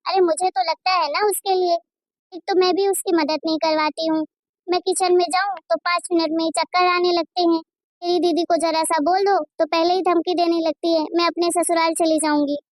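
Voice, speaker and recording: A woman voicing a fair-minded middle-aged mother in a Hindi cartoon, lecturing her daughter in a high, sing-song tone. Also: level tone, moderate pace, no room sound, clean studio sound. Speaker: voice actor.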